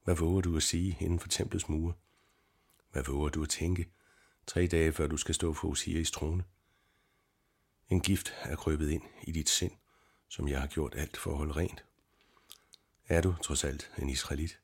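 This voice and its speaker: Man reading old male priest, proud, fiercely angry, scolding, very deep, husky, audiobook. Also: steady tone, long pauses, full character voice. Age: older. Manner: scolding, pleading outbursts.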